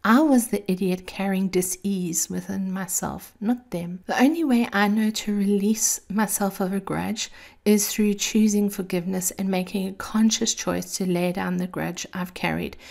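Sultry, creaky-voiced woman host. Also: medium pitch, steady tone, moderate pace, darkish tone. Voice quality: sweet, creaky. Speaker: host of a daily encouragement series. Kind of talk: scripted motivational monologue.

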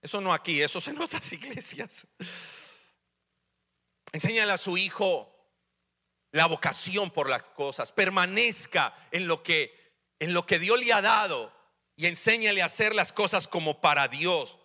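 A man's voice: sits high, animated, measured pace, pauses often, bright, forceful tone. A man in his forties preaching a sermon in a church, acting out little family dialogues with humor. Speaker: pastor. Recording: church hall reverb.

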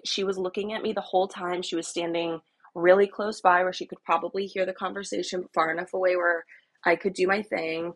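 A woman in her thirties with a lowish, breathy-edged voice tells a rambling story while out on a walk outdoors. A vlogger, she speaks conversationally and casually, her talk heavy with "like" and "um".

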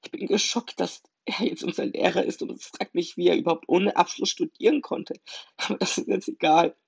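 A man voicing a hurt, tearful teenage schoolgirl in a storybook reading, raising his voice high and loud over a dull lo-fi recording. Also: steady tone, brisk, creaky, slightly rough, no room sound, heavily acted. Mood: hurt, accusing.

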